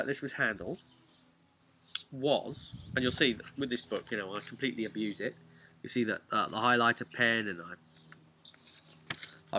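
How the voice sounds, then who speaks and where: Speaking as a game master, a man goes back over a tabletop role-playing session in a loose, halting way, punching certain words. His voice is medium-pitched with a sharp tone, and there's a little hiss or hum.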